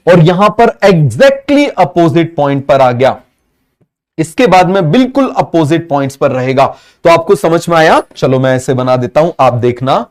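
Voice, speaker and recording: A man teaching a biology exam-prep lesson with a Hindi accent, talking fast and constantly quizzing students with repeated questions. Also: fairly high pitch, darkish tone.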